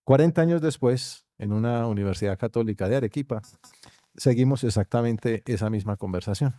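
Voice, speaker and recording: A Colombian man lecturing at a university conference, steady and measured, now and then slipping into quieter asides. His voice is dark and mellow. The sound is dry and close, with no room echo. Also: mid-range voice. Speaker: conference speaker. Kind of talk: academic lecture. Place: university auditorium.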